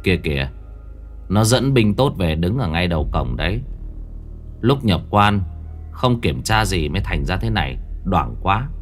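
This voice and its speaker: A man's voice: sits low, big pitch swings, measured pace, soft background music, exaggerated voice. A man voicing a stern male spirit medium who scolds the family and questions a ghost. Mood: commanding. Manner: scolding, brusque.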